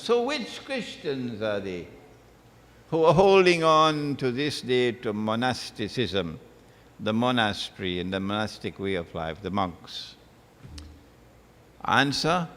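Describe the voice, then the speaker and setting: A man's voice: fairly low pitch, a bit bright. A man giving a religious lecture, emphatic and repeating his phrases. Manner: emphatic, repeats phrases, recites Arabic verses. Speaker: Islamic lecturer. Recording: long hall reverb.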